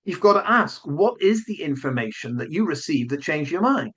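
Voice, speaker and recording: A combative man hosting his own commentary vlog. His voice sits fairly high and swoops widely, with sarcastic, emphatic jabs. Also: sing-song, moderate pace, fairly bright tone, slightly rough. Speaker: online commentator.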